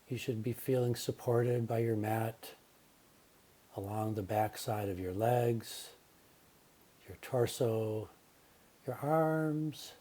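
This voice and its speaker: A yoga nidra teacher, male, leads a relaxation meditation in a medium-pitched voice. He speaks calmly and gently, leaving unhurried pauses.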